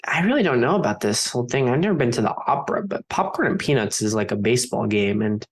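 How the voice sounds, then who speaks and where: A man doing an eager young boy, hesitant, fumbling, ordinary pitch. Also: sing-song, fast, natural voice. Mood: earnest. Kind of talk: improvised comedy scene.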